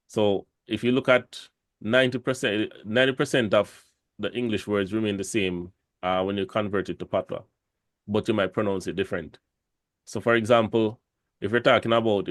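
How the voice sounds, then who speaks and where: A man's voice: on the low side, no room sound, studio quality. A Jamaican man talking casually on a podcast, rambling with many fillers and restarts. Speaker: podcast host.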